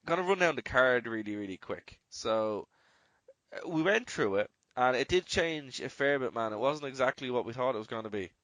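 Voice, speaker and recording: Irish male podcast host, average pitch, rambling casual delivery, dead-dry close mic. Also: expressive, moderate pace, fairly bright tone, no room sound. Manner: rambling, leans heavily on "you know".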